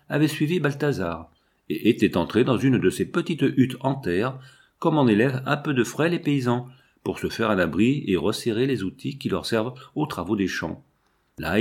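A man narrating a children's storybook in a measured, expressive read-aloud. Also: mid-range voice, slightly rough. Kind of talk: storybook reading.

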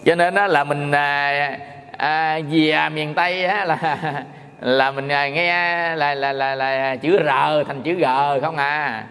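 A man's voice: fairly high pitch, steady tone, takes it slowly, fairly bright tone, in a large hall. A man giving a casual dharma talk as a Buddhist monk, chatty, repeating words and checking with listeners.

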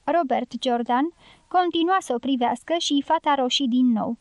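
A woman reading an audiobook with steady, scripted narration. Her voice sits high, and the recording is close and dry with no room echo.

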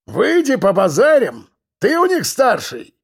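A man's voice: very high-pitched, huge pitch swings, measured pace, gravelly, breathy edge, voice pushed up, full character voice. A man voicing a menacing male convict gang leader who growls his threats in coarse prison slang, in an audiobook. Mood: threatening. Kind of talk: audiobook character voice.

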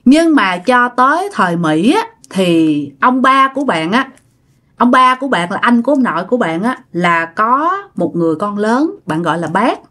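Telling a ghost story in a relaxed, chatty style, a woman addresses her audience directly. Her voice is a little high and fairly bright, very animated, at a moderate pace.

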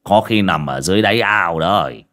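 A man voicing a plain-spoken village man calming his neighbors, talking slowly and matter-of-factly. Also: deep voice.

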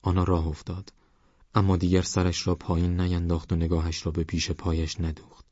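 A man reading a novel aloud as an audiobook narrator, calm and steady. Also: low voice, slightly rough, dry recording. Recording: dull lo-fi audiobook with faint music. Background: faint background music.

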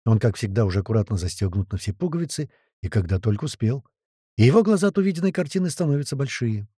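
Husky, lively male audiobook narrator. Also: mid-range voice, no echo, clean studio sound. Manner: lively, tense storytelling. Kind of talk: first-person audiobook reading.

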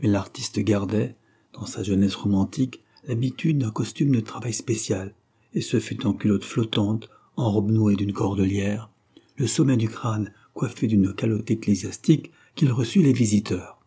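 A man narrating a classic novel as an audiobook in a steady, measured storytelling manner. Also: on the low side, breathy edge.

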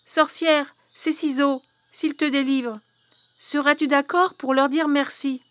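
A brave little girl, as a woman reads her aloud, polite and earnest, high bright voice. The storybook reading is close and dry, with no room around it. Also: steady tone, measured pace, no room sound. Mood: firm.

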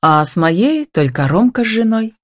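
A young heroine in love speaks with lively, exclaiming emotion, voiced by a woman reading an audiobook. The recording is dry and close, with no room sound. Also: medium pitch, normal speed, dry recording, voice pushed up.

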